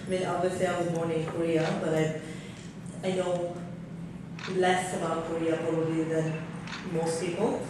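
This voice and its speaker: A Norwegian woman speaks candidly on a seminar panel in a large hotel conference room, thinking aloud with fillers. Her voice sits low, with a flat delivery at a moderate pace. A table mic picks her up from far off, so the recording is very echoey and noisy.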